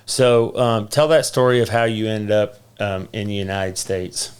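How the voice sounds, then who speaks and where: A man hosting a podcast, asking relaxed, folksy questions with plenty of "uh" and "um". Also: lowish voice, unhurried, clean tone. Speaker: podcast host. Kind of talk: casual interview chat.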